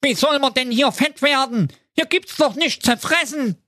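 A whiny, sulky pig. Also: male voice, very high voice, expressive, moderate pace, a bit bright, dry recording, clean studio sound, pitched above the performer's own voice, heavily acted. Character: stubborn, whiny male pig. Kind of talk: comedic radio play.

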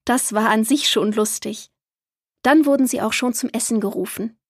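A woman reading a children's story aloud in a lively storytelling manner. Her voice is fairly high and a little breathy, and the recording is dry and close. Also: normal speed, no echo. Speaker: narrator.

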